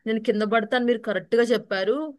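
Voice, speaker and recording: A woman's voice: a little high, fast, dry recording, muffled recording, natural voice. A woman doing a naive, eager young disciple. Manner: polite, pleading.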